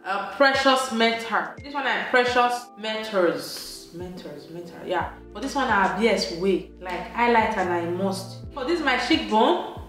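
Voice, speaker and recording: A woman's voice: mid-range voice, measured pace, fairly bright tone. A woman with a Nigerian Pidgin accent, chatting casually through a makeup tutorial in a playful, emphatic way. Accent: Nigerian Pidgin English. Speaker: beauty vlogger. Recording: very echoey room, light music behind.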